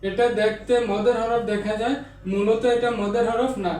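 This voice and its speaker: A man teaching an online Quran reading lesson, explaining each rule and then chanting Arabic examples in a slow, drawn-out recitation. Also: very high-pitched, little pitch movement, a little mellow, distant mic. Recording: echoey, off-mic room sound.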